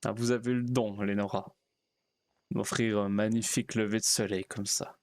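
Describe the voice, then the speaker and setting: A man playing a naive, kindly progressive frontier preacher in a solemn, gentle tone. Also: lowish voice, level tone, moderate pace, no echo, lightly acted. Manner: solemn, gentle ceremonial delivery. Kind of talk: in-character role-play.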